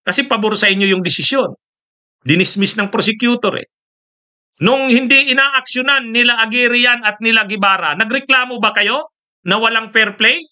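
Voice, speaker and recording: Male host, high and bright, sarcastic rhetorical political chat. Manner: mocking, rhetorical, laughs often, sips coffee. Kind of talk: casual political commentary.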